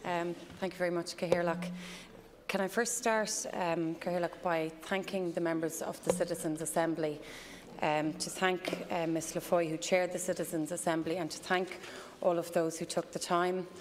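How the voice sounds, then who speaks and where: Measured, even-toned Irish woman in parliament. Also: fairly low pitch. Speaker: government minister. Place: large parliamentary chamber. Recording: reverberant chamber, some background noise.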